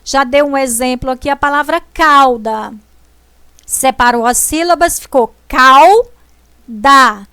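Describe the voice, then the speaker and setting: A woman teacher, explaining a grammar lesson slowly and deliberately, stressing syllables as she goes. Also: sits high, fairly bright tone, dry recording, studio quality. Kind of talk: slow classroom explanation.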